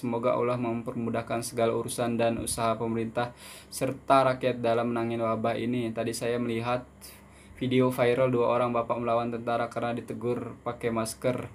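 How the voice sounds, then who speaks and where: A man's voice: medium pitch, a little hiss or hum. Chatty young man answering viewer questions. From Indonesia. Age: 20s. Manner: mixes in Malaysian words and English terms. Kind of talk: casual Q&A vlog.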